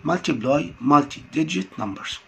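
A man with an Egyptian Arabic accent, teaching an English lesson and repeating words slowly for drilling. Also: on the high side, animated, gravelly, muffled recording, a little hiss or hum. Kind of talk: classroom lesson recording.

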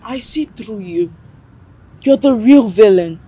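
A calm, cold accuser. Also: female voice, fairly high pitch, husky, exaggerated voice. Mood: accusing. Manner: measured, accusing.

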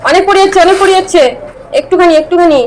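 A high-pitched woman talks casually to a small child. She coaxes with short, repeated questions and instructions. The home recording carries faint background noise. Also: fairly even intonation, rapid-fire. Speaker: family carer filming a young child.

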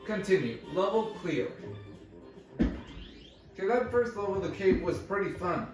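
A gameplay commentator with a high, lively voice and measured pace calls out each jump and move in short, casual bursts. Game music plays in an echoey room, his voice far from the mic.

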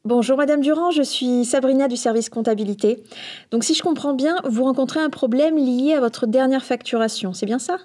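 High-voiced customer service phone agent. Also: female voice, fairly quick, darkish tone. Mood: polite, helpful. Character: bumbling, slightly flippant call-centre customer service agent. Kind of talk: comic corporate training sketch. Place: small office set, indoors. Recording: background music.

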